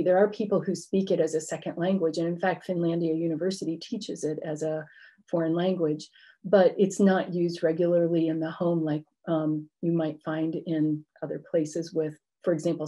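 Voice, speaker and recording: A middle-aged woman lectures in an explanatory way, with informal asides. Her voice sits a little low and has a soft, mellow tone. It sounds like a video-call class from a room at home. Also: poor audio. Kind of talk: academic lecture with slides. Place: indoor book-lined room at home.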